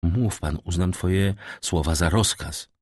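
A man's voice: low voice, slow, darkish tone, husky, no echo, exaggerated voice. A man voicing earnest young Dantes. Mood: pleading. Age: young adult. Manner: earnest, eager, pleading. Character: earnest, pleading young male sailor prisoner.

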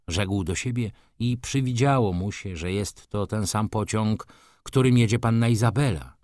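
Low-voiced man reading a classic novel. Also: no room sound, clean studio sound. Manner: measured, shifting between hushed and intense. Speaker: audiobook narrator. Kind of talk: dramatic literary reading.

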